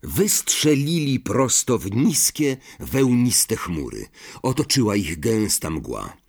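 A man narrating an audiobook with expressive storytelling. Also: medium pitch, slow pace, creaky, slightly rough. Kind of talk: audiobook reading.

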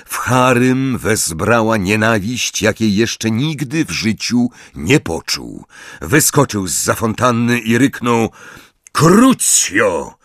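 A man narrating an audiobook in a dramatic, expressive reading. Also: fairly low pitch, takes it slowly, no room sound, studio quality. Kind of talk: scripted narration.

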